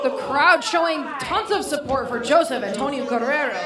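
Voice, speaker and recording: A female wrestling commentator speaks in a very high, excited voice full of emphatic amazement. A live crowd is clearly heard behind her. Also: moderate pace. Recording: arena crowd noise behind the voice.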